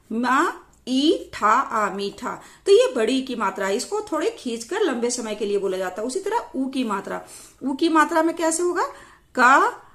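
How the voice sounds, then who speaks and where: A woman teaching Hindi vowel signs, spelling each word out sound by sound in a slow, repetitive way. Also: sits high. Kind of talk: explaining lesson on vowel signs.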